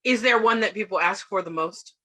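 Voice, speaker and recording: A woman's voice: medium pitch, fairly quick, fairly bright tone. A woman interviewer asking brief, direct questions.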